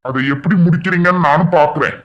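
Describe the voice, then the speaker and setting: An arrogant rival businessman in a cartoon, smug and threatening, as a man puts him on. He drags out his words with a slow sneer. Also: fairly high pitch, muffled recording, lightly acted.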